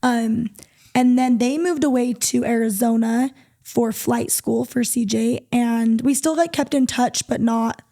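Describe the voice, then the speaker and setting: A woman's voice: on the high side, steady tone, a little slow, creaky, dark tone. A woman in her twenties, a podcast guest, chatting easily and casually. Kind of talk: casual chat.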